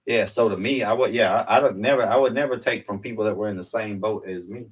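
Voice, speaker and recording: A man's voice: lowish voice, fast, recorded from a distance, poor audio. A man in his forties, a podcast co-host, telling candid stories in a rambling casual chat.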